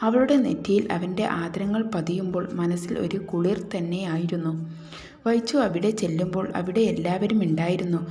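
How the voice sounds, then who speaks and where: A woman telling a romantic story with soft, emotional narration. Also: fairly low pitch, moderate pace. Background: faint background music.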